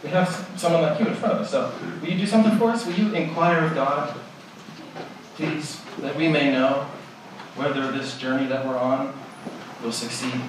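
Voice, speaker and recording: A man's voice: a little high, normal speed, heavy reverb, recorded from a distance, background noise, close to an everyday voice. A man voicing an eager band of male spies in a sermon, gushing and pleading for a favorable word. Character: eager group of male spies wanting good news.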